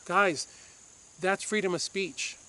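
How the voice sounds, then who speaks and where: Speaking slowly in a high, sharp-toned voice, a former police officer from Puerto Rico hosts his firearms channel. He gives the camera a forceful opinion monologue, hammering his points through repetition.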